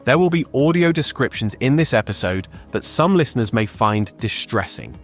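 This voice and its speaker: A man narrates a documentary podcast in a measured, scripted way. His voice is at a middle pitch. A faint music bed runs beneath him. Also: lively intonation. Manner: measured and clear.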